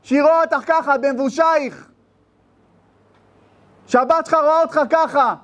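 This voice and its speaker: A rabbi preaching a sermon, telling stories and firing rhetorical questions with passion. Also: male voice, extremely high pitch, steady tone, fairly bright tone.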